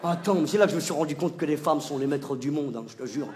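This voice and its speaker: Animated stand-up comic in a roomy theatre. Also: male voice, a little high, fast talker. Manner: animated, acts out scenes with shouted bits and stammering asides. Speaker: stand-up comedian. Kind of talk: stand-up comedy. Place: large theatre stage before a live audience. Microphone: stage microphone. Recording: roomy theatre echo with audience noise.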